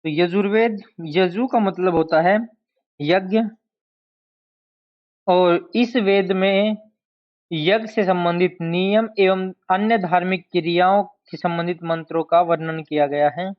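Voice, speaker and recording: Slow, deliberate Hindi history teacher, lo-fi. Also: male voice, high voice, steady tone. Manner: slow, deliberate, repeats key terms to drill them. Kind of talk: exam-prep lecture. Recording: dull lo-fi sound.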